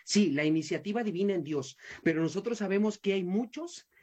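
Husky-voiced pastor, emphatic and preacherly. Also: male voice, high-pitched, a little mellow. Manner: emphatic, preacherly, slows down to stress key phrases. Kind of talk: Bible study panel comment.

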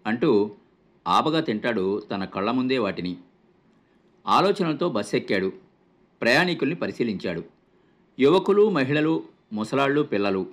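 A man narrating a short story in a measured storytelling manner, lightly voicing the dialogue. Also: mid-range voice.

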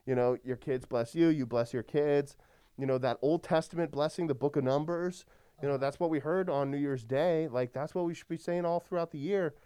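Man, priest, podcast co-host, casual chat, smooth resonant voice, easygoing filler-heavy talk. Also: a little high, moderate pace, mellow. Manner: easygoing, heavy use of "like" and "you know".

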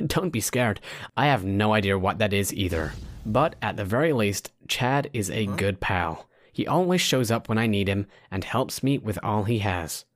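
A man with a fairly low voice delivers a scripted first-person story. He talks straight to the listener in the manner of a storytime vlogger. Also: lively intonation, moderate pace, no room sound. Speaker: storytime narrator.

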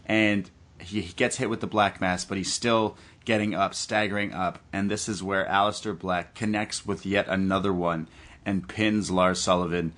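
A man's voice: sits low, steady tone, normal speed, fairly bright tone. A man hosting a podcast, giving a casual, enthusiastic fan's recap of a wrestling match. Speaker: podcast host.

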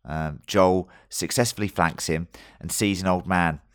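A man's voice: low voice, fairly even intonation, unhurried, no echo, clean studio sound. A man chatting casually as a review podcast co-host, matey and sweary, circling his way through his points. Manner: sweary, matey and jokey banter.

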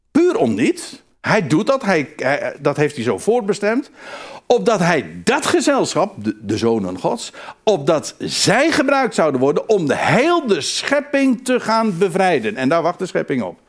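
A man's voice: a little high, slow pace. A man preaching a sermon, emphatic and repetitive, often restarting his phrases. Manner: animated, emphatic, repeats phrases, frequent restarts.

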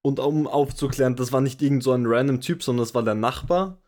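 A man's voice: mid-range voice, fast, darkish tone. Young man explaining things. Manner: explains and sets the record straight. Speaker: podcast co-host. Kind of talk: casual chat.

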